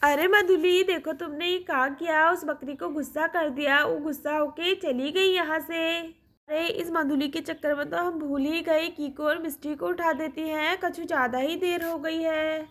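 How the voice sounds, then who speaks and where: A woman's voice: high-pitched, fairly even intonation, moderate pace, a bit bright. A woman voicing a kind, fussy village mother in a cartoon, speaking. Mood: fussing. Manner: fussy, chatty.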